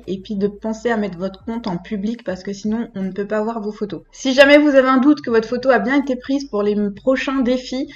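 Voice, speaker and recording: A woman with a hoarse, raspy smoker's voice, recovering from illness, chatting informally and directly to viewers as she hosts a video. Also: fairly high pitch, darkish tone, lo-fi sound. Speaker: host of an animal photography channel. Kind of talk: casual video commentary.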